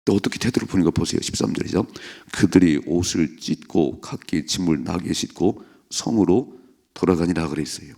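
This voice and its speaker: A male pastor delivers a dawn prayer sermon in a low, husky voice with a rough, gravelly edge. He is animated, acts out the people he quotes and keeps putting rhetorical questions to his listeners. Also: brisk. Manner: asks the congregation rhetorical questions.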